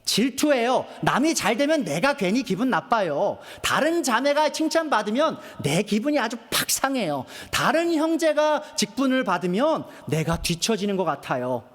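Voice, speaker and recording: A man's voice: extremely high pitch, big pitch swings, moderate pace, few pauses, a bit bright. A man preaching an expository sermon as pastor, often asking the congregation rhetorical questions. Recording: long reverb of a church hall.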